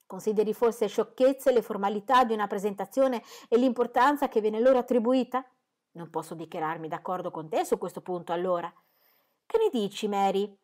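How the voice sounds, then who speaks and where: A woman reading aloud, voicing a dry, ironic older gentleman who teases his wife. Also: medium pitch, animated, a little fast, lightly acted. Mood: wry.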